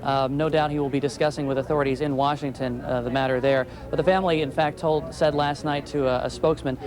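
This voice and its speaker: A man with a slightly high voice and a steady tone talks quickly as he delivers a live television news report outdoors. He's on a city street, and crowd and street noise run behind him.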